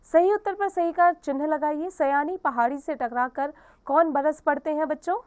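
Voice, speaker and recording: A woman teacher reading a textbook lesson aloud to children, in a clear, explanatory manner, addressing the class directly. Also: high-pitched, moderate pace, a little mellow, no room sound.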